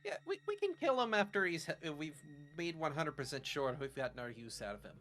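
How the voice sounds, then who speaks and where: This tabletop game player chats casually in a bright voice with very animated pitch. Faint music plays behind. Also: fairly quick.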